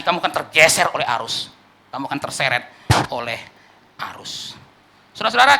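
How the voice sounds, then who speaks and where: A man, a pastor, preaching a sermon. He asks rhetorical questions and moves between loud, emphatic peaks and quiet asides. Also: a little high. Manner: preaching with rhetorical questions, acting out people he quotes.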